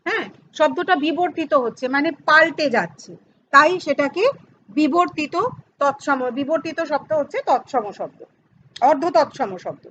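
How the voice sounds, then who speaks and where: A woman's voice: sits high, expressive, moderate pace, a bit bright, dull audio, a little hiss or hum. A middle-aged woman teaching a grammar lesson to students, explaining step by step and asking and answering her own questions. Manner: addresses students informally, teasing aside.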